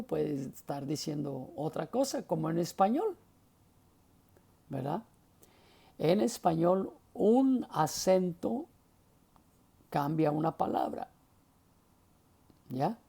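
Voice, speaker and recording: Male instructor, husky and unhurried, patient lecture tone that checks in with the class. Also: a little high, mellow. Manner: explanatory, often checks understanding with short questions. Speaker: homiletics teacher.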